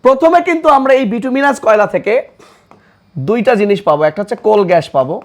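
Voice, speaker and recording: A man from Bangladesh teaching a chemistry class, repeating key facts again and again in an energetic lecture style. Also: high voice, quick pace. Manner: energetic, repetitive drilling of facts.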